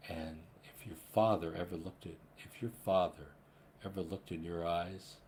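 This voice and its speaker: Man, 60s, low-pitched; earnest, meandering spiritual vlogger with casual swearing. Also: steady tone, normal speed, a little mellow, a little hiss or hum. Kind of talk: rambling spiritual monologue.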